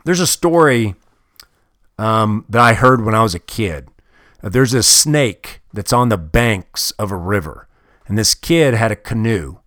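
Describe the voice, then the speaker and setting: A man's voice: on the low side, big pitch swings, measured pace, fairly bright tone, dry recording, clean studio sound. A man giving a motivational talk, blunt and heavily profane, hammering home his points with emphasis. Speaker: motivational speaker.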